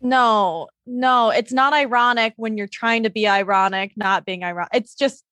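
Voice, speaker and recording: A young adult woman co-hosting a podcast in casual, comedic chat, blunt and dramatic and quick to swear. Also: a little high, a bit bright, no room sound. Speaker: podcast co-host.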